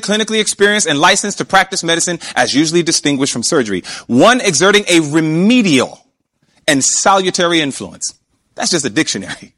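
Animated, bright-voiced man preaching. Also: high voice. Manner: emphatic, asks the audience questions. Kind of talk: sermon.

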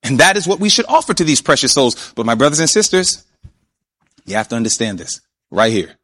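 A man preaching a sermon, emphatic, often asking his listeners questions and slowing down to stretch key words. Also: medium pitch, very animated, a bit bright. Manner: emphatic, asks the audience questions.

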